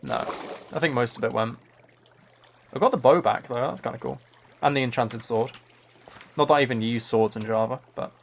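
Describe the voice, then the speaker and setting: Playing a game live, this man keeps up an easygoing, think-aloud commentary in casual chat. He speaks at a moderate pace with a medium pitch and vocal fry, pausing often, with a little hiss or hum in the recording.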